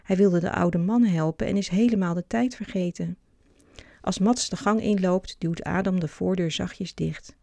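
Calm gravelly storybook narrator. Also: medium pitch, normal speed, no echo. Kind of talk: children's storybook reading.

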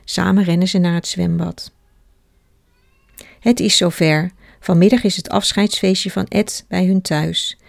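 A woman reads a children's book aloud, lending each character a small change of voice. Her voice is low and gravelly, recorded close and dry. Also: a little mellow, no room sound. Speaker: storybook reader.

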